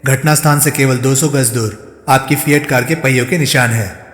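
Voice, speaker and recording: Man voicing bold male reporter, steady, confident, mid pitch, long reverb. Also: normal speed, lightly acted. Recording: roomy echo, long reverb.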